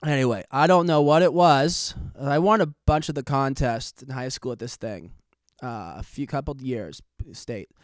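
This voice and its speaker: A man's voice: medium pitch, normal speed, dry recording, clean studio sound. A man in his late twenties hosting a podcast, telling a story in a rambling, self-deprecating, jokey way while slightly out of breath. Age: 20s. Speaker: podcast host.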